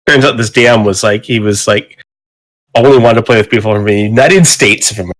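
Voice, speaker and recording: A man from Canada with a Canadian accent, chatting loosely and narrating as game master, laughing often and swearing freely. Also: lowish voice. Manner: laughing, swearing, quick restarts. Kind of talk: casual chat and narrating a tabletop game.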